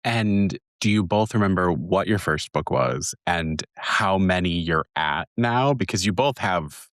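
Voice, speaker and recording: A man hosts a relaxed conversation with guests, laughing along as he asks questions. His voice is very low, and the sound is dry and close. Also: a little slow, no room sound. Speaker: podcast host. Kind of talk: casual interview.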